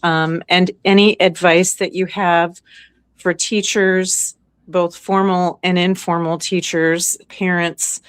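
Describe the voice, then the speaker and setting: Mature female participant, sincere and hesitant; slow, smooth delivery, dry sound. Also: fairly low pitch, level tone, no room sound. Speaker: participant asking a question. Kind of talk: sincere, grateful question to a spiritual channeler.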